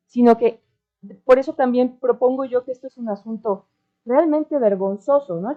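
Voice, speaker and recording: A woman from Mexico speaking earnestly at an academic panel, with ironic asides and frequent tag questions. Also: on the high side. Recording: dull lo-fi recording.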